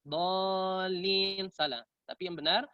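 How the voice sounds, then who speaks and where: A man with an Indonesian accent teaching Quran recitation rules in a bright, fairly high voice, correcting and demonstrating each sound. The recording is dry and a little dull. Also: normal speed, no echo. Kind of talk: tajwid lesson with recited examples.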